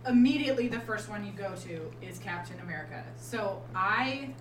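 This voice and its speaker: A woman with a mid-range voice and lively intonation tells personal stories at normal speed in a casual, bantering group chat, often acting out what she said. The distant mic gives a roomy echo, with clear background noise.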